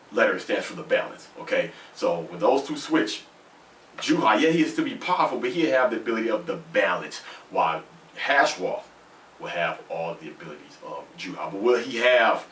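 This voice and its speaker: A man with a low voice and a slushy lisp talks through a casual, off-the-cuff review. He rambles conversationally and repeats points for emphasis. He sounds away from the mic in an echoey room with faint noise. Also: fairly bright tone, recorded from a distance. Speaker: host of a manga chapter review.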